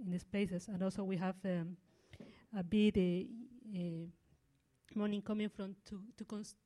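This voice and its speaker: Hesitant mellow-voiced woman from Ecuador. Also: medium pitch. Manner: hesitant, searching for words. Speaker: student asking a question.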